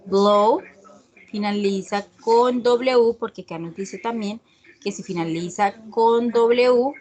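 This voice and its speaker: A woman's voice: mid-range voice, a little mellow, dull audio. A woman teaching an English class, explaining spelling rules step by step and checking often that students follow. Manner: slow and patient, often checking with a questioning "¿sí?"; reads English examples slowly and deliberately.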